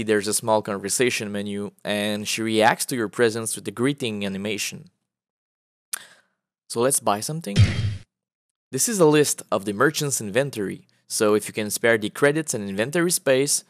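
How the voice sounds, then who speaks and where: A man's voice: on the low side, animated, moderate pace, no echo, studio quality. A man, an indie game developer, casually walking through his game prototype with frequent "uh" fillers. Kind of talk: casual gameplay walkthrough.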